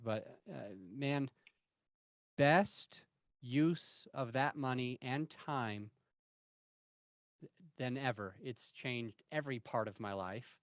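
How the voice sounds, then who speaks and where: A man's voice: medium pitch, fairly bright tone, dry recording. Candid man in his forties, dry sound. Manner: candid, self-deprecating, rambling with restarts. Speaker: interview guest. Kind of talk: casual interview storytelling.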